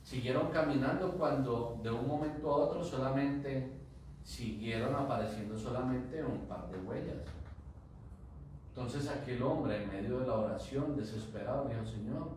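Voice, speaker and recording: A man's voice: mid-range voice, moderate pace, a little mellow, a little hiss or hum. A man pastor preaching a sermon to his congregation, asking them questions and drawing replies. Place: church hall. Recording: echoey church hall from far off.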